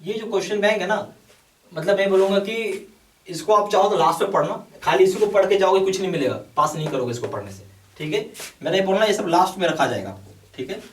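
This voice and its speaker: A man's voice: high-pitched, fast, slight background noise. A man teaching as a bank exam coach, laying out a course and urging students on, often checking in with "okay". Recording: echoey room, mic at a distance.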